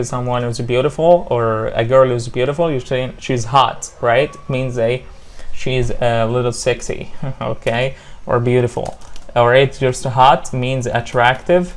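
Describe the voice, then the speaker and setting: A man with an Egyptian Arabic accent teaching English pronunciation in a casual online lesson. He explains quickly in Arabic, drills English words slowly and carefully, and keeps checking in with "okay?" and "right?". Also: medium pitch.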